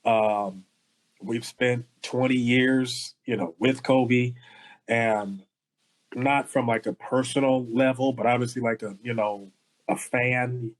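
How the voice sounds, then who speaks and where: A man's voice: mid-range voice, fairly even intonation, takes it slowly, rough recording. A man from the Los Angeles area co-hosting a podcast, speaking in a heartfelt and thoughtful way. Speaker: podcast co-host. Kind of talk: casual podcast conversation.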